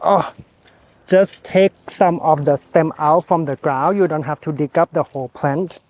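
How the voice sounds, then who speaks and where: A man's voice: fairly high pitch, a little slow. A man from Thailand, chatting casually while showing a gardening how-to outdoors in a home garden. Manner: chatty, relaxed, speaks to viewer directly. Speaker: gardening channel host.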